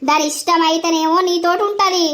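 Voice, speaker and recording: A woman voicing a sharp-tongued mother-in-law in a cartoon, ranting fast in a Telangana Telugu accent. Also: extremely high pitch, fairly even intonation. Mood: defiant. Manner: fast, scolding rant.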